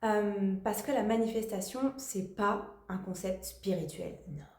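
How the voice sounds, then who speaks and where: A woman speaks as a spiritual coach in a casual motivational talk, addressing the listener directly in a familiar, slangy way. Her voice sits at a middle pitch. The room gives it a noticeable echo. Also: a little slow, a little mellow.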